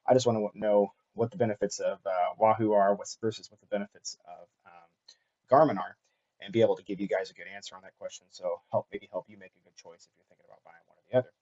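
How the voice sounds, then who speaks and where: A man talking casually and unscripted as host of a cycling vlog, halting often with fillers and restarts. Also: on the low side, steady tone, warm tone, highs cut off. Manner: halting, filler-heavy delivery with frequent restarts.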